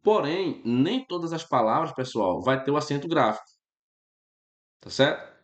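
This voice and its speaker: A man's voice: a little high, normal speed, reverberant. Chatty Brazilian man teaching grammar. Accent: Brazilian Portuguese. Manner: relaxed, chatty, keeps checking in with the class. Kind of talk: casual spoken grammar lesson.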